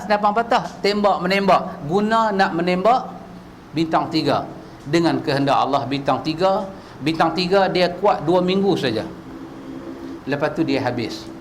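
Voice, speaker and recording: A male preacher, giving a religious lecture full of rhetorical questions that climb from low asides to high shouted peaks. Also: a little hiss or hum. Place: mosque prayer hall.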